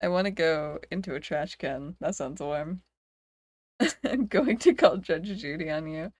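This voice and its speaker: A woman streaming in a relaxed, rambling chat, laughing between thoughts and making a show of mock despair. Her voice sits a little low and moves at a slow, easy pace. The sound is close and dry, with no room around it. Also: no room sound. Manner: giggly, rambling, self-dramatizing. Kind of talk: casual chat.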